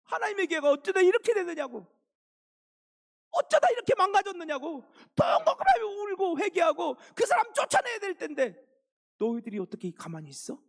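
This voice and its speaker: A stern old apostle in a fury, his voice jumping very high as he shouts and scolds. A preacher acts him out mid-sermon. The delivery swings wildly, loud and heated. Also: lively intonation, unhurried, creaky, pauses often, slightly rough, exaggerated voice. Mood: furious rebuke. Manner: shouting rebukes at a high strained pitch. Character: stern older male apostle, furious and scolding.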